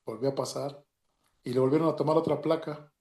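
Halting Mexican man in a roomy echo. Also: medium pitch, steady tone, darkish tone. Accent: Mexican Spanish. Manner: halting, with many restarts and reenacted dialogue. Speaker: storyteller giving a personal testimony. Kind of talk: emotional personal story, casual.

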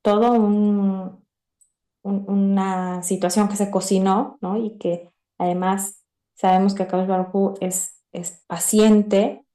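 A woman teaching a lesson through a story, talking in a halting way with frequent restarts as she addresses her listeners. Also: medium pitch, little pitch movement, dark tone. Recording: roomy echo.

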